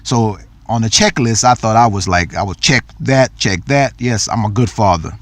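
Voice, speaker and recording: A man's voice: fairly low pitch, moderate pace, fairly bright tone, no room sound. A middle-aged man telling a personal story in an earnest talk, repeating phrases for emphasis. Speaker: speaker.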